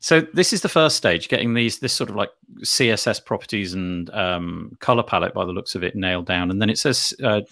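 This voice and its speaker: Lower-voiced man hosting a panel. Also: expressive, a little fast, few pauses, fairly bright tone, dry recording, studio quality. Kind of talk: casual panel discussion.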